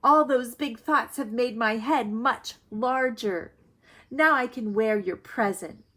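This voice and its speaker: Storybook toad, played by a woman: male, earnest and emotional, raised pitch, exclaiming to his friend. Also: slow, sharp tone, full character voice. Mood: excited. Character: Toad, sad then excitable male toad friend. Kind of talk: children's storybook read-aloud.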